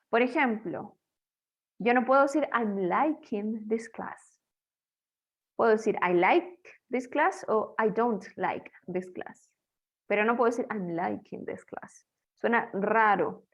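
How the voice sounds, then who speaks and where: An English teacher walks her students through grammar in a playful, chatty way, her voice sitting a little high. The sound is somewhat dull and lo-fi, like a homemade online lesson.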